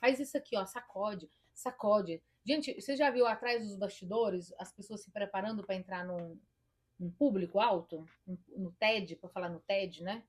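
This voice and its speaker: At a normal speed and medium pitch with a darkish tone, the Brazilian Portuguese-accented therapist advises the viewer face to face. She stays emphatic and demonstrative, acting out what her inner voice says.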